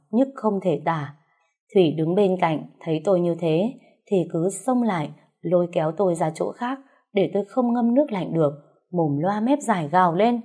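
A woman narrating a first-person audiobook story in a measured, dramatic storytelling manner. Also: lowish voice, dark tone, husky.

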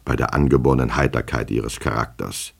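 A man's voice: extremely low pitch, brisk, creaky, breathy edge, voice pushed down, exaggerated voice. A man voicing a nervous, fawning official who stammers and pleads, in an audiobook reading. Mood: pleading. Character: nervous, fawning male official, anxious and flustered.

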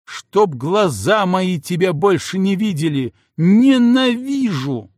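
A man's voice: takes it slowly, gravelly, slightly rough, no room sound, clean studio sound, full character voice. A man voicing a furious jealous princess who screams insults at her husband. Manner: screaming insults, shrill and frantic. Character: furious jealous young princess, shrieking wife.

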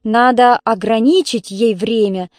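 A woman's voice: fairly high pitch, measured pace, darkish tone, no room sound, studio quality, natural voice. A woman voicing an irritable, grumbling middle-aged mother. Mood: indignant. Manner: grumbling, exasperated.

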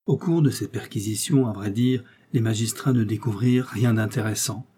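A man reading a novel aloud in measured, steady scripted narration. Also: fairly low pitch, a little hiss or hum. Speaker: audiobook reader.

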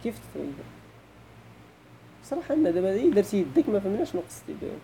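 A man's voice: high voice, sing-song, racing, vocal fry, mellow, slight background noise, low-quality recording. A middle-aged man with a Moroccan Arabic accent, teaching a grammar class and pressing students with questions. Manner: questioning students, switching to colloquial.

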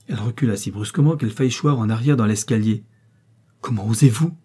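Husky man narrating a novel. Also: lowish voice, fast, mellow. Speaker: audiobook narrator.

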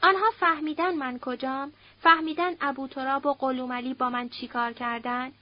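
A woman's voice: high voice, fairly even intonation, natural voice. A woman reading the part of a frightened young woman who pleads in everyday speech. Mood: pleading. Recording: dull lo-fi recording.

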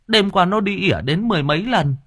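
A man voicing a frightened young village boy who stammers and pleads in a high voice in an audiobook. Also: expressive, fast, fairly bright tone, slightly rough, no room sound, studio quality, full character voice.

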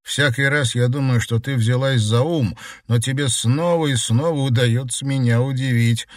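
A man's voice: mid-range voice, steady tone, normal speed, dry recording, clean studio sound, voice pushed up, lightly acted. A man voicing an angry, protective teenage brother in an audiobook, scolding and insistent.

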